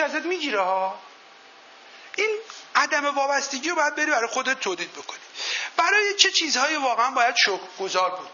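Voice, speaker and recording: A man with a strikingly high, piercingly bright voice gives a motivational seminar talk, swinging his pitch up and down as he goes. He tells folk anecdotes and keeps turning to the live audience with questions. The sound is a dull, lo-fi recording. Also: a little hiss or hum. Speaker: motivational speaker.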